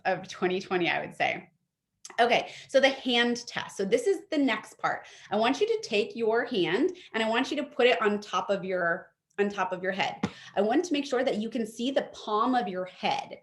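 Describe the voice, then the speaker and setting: A young woman presenting an online etiquette workshop from her home office, friendly and practical, with plenty of fillers. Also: medium pitch.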